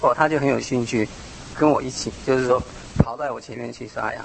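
Man, parent, church group sharing, gravelly, halting, reflective. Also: medium pitch, fairly even intonation, slight background noise, poor audio. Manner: halting, with many restarts and fillers. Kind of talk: personal sharing in a small group.

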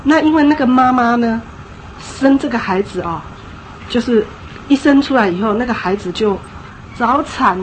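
Emphatic higher-pitched woman teaching at church. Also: a little hiss or hum, poor audio. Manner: emphatic, conversational, acts out scenes. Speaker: church speaker on parenting.

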